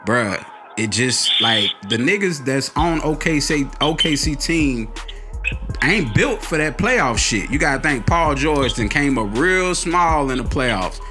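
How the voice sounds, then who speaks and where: An American man arguing in a hyped-up, animated way in a casual basketball debate. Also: on the high side, a little slow. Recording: music playing under the talk.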